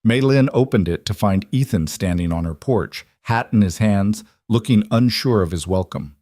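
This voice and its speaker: A male narrator reads a scripted story in a low, measured voice. The delivery is even, and the recording is dry and close. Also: no echo.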